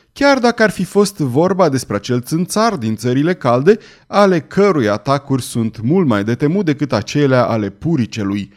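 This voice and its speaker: A man's voice: a little high, darkish tone, pitched above the performer's own voice. A man reading an audiobook, voicing a fussy, pedantic male entomologist who takes offense easily.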